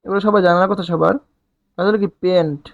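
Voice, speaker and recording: A man's voice: high-pitched, fairly even intonation, quick pace, gravelly, no echo, highs cut off. A male chemistry teacher giving a recorded lecture, asking questions and answering them himself and counting aloud, in a casual colloquial way. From Bangladesh. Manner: colloquial, dialect forms.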